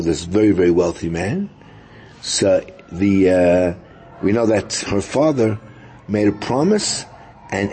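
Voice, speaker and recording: A man, a rabbi, giving a religious lecture in a halting, explanatory manner, often repeating phrases for emphasis, with a husky, gravelly voice. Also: mid-range voice, warm tone. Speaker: rabbi giving a Torah lesson.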